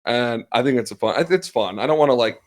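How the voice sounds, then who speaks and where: A man in his thirties co-hosting a relaxed podcast chat. He tells stories about his kids and breaks into laughter often. His voice sits at a medium pitch. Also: brisk. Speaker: podcast co-host. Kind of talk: casual chat.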